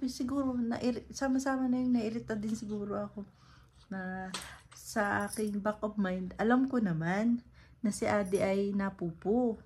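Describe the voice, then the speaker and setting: A woman's voice: mid-range voice, darkish tone, slight background noise. A woman from the Philippines chatting casually in a vlog, rambling with lots of fillers. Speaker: vlogger.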